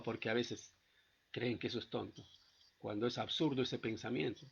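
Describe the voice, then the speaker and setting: A man delivers a sermon in a gravelly, somewhat husky voice, regularly checking in with his listeners through quick rhetorical questions. The recording is dull and lo-fi, with the top end muffled. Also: medium pitch, fairly bright tone. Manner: asks the congregation frequent rhetorical check-in questions. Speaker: preacher.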